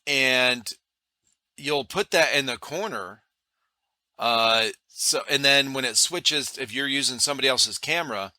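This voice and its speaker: A man hosts a casual interview with a very bright, sharp-edged voice at a medium pitch. The sound is close and dry, with hardly any room on it. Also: unhurried, dry recording. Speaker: podcast host.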